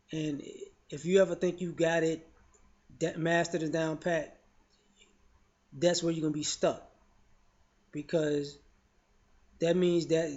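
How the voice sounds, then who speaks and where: This man's voice runs on the high side with a darkish tone as he gives casual vlog commentary on his opinions. Loose and frank, he keeps saying "you know" and starting sentences over, all in dull lo-fi sound.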